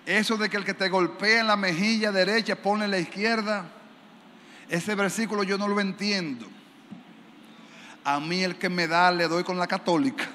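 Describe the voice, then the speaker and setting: Pastor preaching, highish voice, echoey church hall, acts out stories. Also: male voice, moderate pace. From Dominican Republic. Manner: animated storytelling, acting out dialogue. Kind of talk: sermon. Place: large church sanctuary. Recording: reverberant church hall, faint noise.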